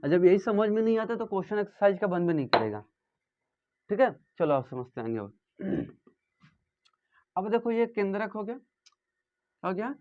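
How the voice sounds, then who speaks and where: High-pitched guy with a teaching math, keeps quizzing the class, dull lo-fi audio. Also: sing-song, normal speed, long pauses. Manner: asks students questions and repeats answers. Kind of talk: classroom lesson. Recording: dull lo-fi sound.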